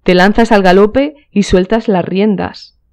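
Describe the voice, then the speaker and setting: Woman narrator doing a cynical witty nobleman, epigrammatic, lecturing, mellow dark tone, audiobook reading. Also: mid-range voice, steady tone, a little slow, lightly acted. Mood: worldly, cynical. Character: witty cynical male aristocrat.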